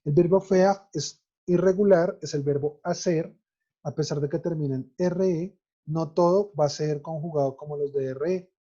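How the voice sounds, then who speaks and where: Male teacher, patient drill-style explainer, dark tone, lo-fi laptop-mic sound. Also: a little high, moderate pace, breathy edge. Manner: methodical, spells out endings letter by letter. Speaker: French teacher. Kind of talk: recorded online grammar lesson.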